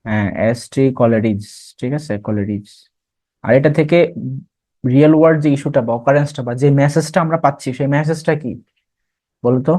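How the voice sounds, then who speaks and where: A man's voice: fairly high pitch, a little fast, long pauses, dark tone. A young man teaching an admission test revision class, explaining terms and quizzing students as he goes.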